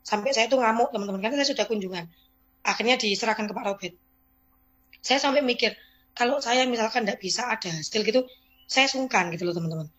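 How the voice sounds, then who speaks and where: A woman's voice: on the high side, fast talker, fairly bright tone. A woman insurance agent sharing her story with colleagues, chatty and constantly addressing her audience. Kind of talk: motivational testimony to colleagues.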